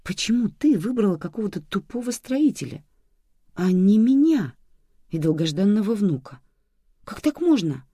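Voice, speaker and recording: A woman's voice: mid-range voice, sing-song, moderate pace, mellow, slightly rough, no room sound, studio quality, voice pushed up. A reader voicing a firm, reproachful young mother.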